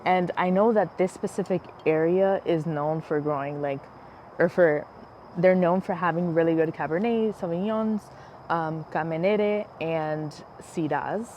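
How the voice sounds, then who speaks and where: Speaking a little slowly in a lowish voice, this wine podcast host chats casually, filling her talk with "um" and "like." She is American, originally a Spanish speaker, and the dull audio carries faint background noise plus a passing plane.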